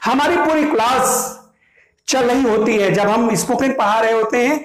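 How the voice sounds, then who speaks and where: A man's voice: very high-pitched, normal speed, echoey room, rough recording. An Indian man teaching a spoken English class in a classroom, explaining each point step by step and repeating it in Hindi. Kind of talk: classroom language lesson. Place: classroom with students.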